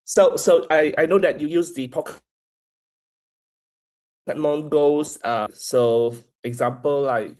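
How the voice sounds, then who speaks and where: Male judge on a choppy video call, his audio glitching in and out, halting and hesitant. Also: a little high, steady tone, darkish tone. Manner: halting, many fillers and restarts. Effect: glitching, breaking-up audio.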